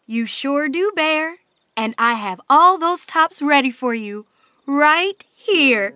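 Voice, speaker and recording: A clever, hardworking mother rabbit from a children's radio story. Her voice sits high and bright, with lively rises and falls at an unhurried pace. The recording is dry, with faint music underneath. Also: no echo, exaggerated voice. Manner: cheerful, brisk, matter-of-fact.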